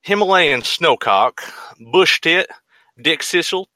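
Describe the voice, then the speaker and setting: A man reading a list in a deliberately bad, put-on American Southern accent, drawing the words out. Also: a little high, animated, sharp tone, no echo, heavily acted. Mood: mock-serious. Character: man reading a list in an exaggerated hick drawl.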